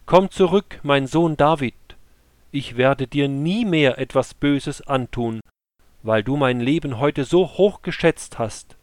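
A man voicing a remorseful older king in a scripture story, speaking loudly in a slightly higher voice. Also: slow pace, no room sound, lightly acted.

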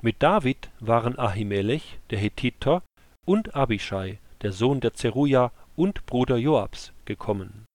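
A man reads a scripture story in a calm, measured way, taking his time over each phrase. His voice sits at a middle pitch, and the sound is dry and close, with no room around it. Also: dry recording. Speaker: narrator.

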